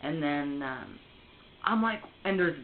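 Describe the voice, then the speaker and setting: A woman's voice: low voice, expressive, takes it slowly. Woman ranting over a phone line. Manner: heated, swearing, rambling with restarts. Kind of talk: casual storytelling on a phone call. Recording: tinny phone line, faint hiss.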